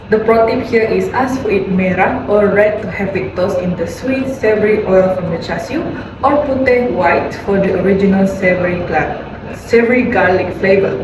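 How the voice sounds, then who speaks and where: A woman's voice: mid-range voice, moderate pace. A woman, giving a food guide as part of a class presentation. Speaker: student presenter. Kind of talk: informative presentation. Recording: echoey far-off room with noise.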